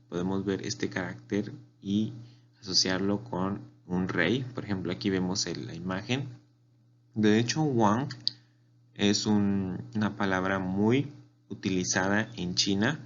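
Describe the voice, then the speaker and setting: A man teaching a beginner language class, patiently repeating words for learners to copy. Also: fairly low pitch. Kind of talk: slow spoken language lesson. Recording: dull lo-fi recording with faint hum.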